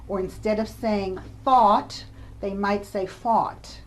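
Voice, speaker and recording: A woman's voice: mid-range voice, fairly even intonation, slow, a little hiss or hum. A woman researcher giving a lecture, explaining points and giving examples, with occasional fillers. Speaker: researcher lecturing on communication disorders. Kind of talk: recorded lecture presentation.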